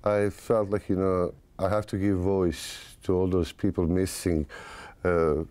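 A man in his forties with a Bosnian accent gives a reflective interview. His voice is very low and soft-edged, dark in tone, and he talks in halting phrases with pauses. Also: level tone. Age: 40s. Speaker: filmmaker, interviewee. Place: small home studio room.

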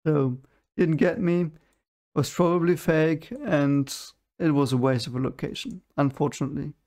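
Sitting at his home desk with a microphone in front of him, a young man reacts to clips in a casual, dismissive way, calling them fake and occasionally groping for the right word. He sounds a little high and slightly mellow, with fairly even intonation at a normal speed.

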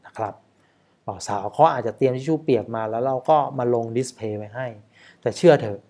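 A man's voice: mid-range voice, a little fast, dark tone. A man, a wedding photographer, casually talking over footage in a chatty way, often asking rhetorical questions.

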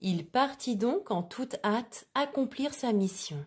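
A woman reading a children's storybook aloud in a clear, expressive way. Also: on the high side, slow pace.

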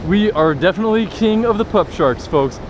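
A young man filming a fishing vlog on a beach, talking to viewers in a joking, excitable way. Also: high-pitched, a little fast. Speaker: fishing vlogger. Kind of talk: casual excited vlog commentary. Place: beach by the surf, outdoors. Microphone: action camera. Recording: wind and surf noise.

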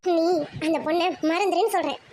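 A woman's voice: very high-pitched, steady tone, fast, darkish tone, a little hiss or hum. A woman voicing a loving but secretive middle-aged mother in a cartoon, lamenting and pleading. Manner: pleading, lamenting, sighing "aiyo". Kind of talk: cartoon voice acting.

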